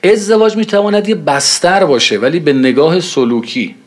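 A man preaching in a conversational way, telling anecdotes and acting out the dialogue in them. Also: fairly high pitch. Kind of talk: storytelling religious talk.

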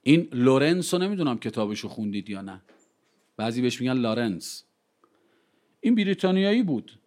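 A man giving an impassioned speech to a gathering. He fires rhetorical questions at the listeners, slows right down to stress key phrases, and tells anecdotes with quoted dialogue. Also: medium pitch. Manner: lively storytelling with quoted dialogue. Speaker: public speaker addressing a gathering.

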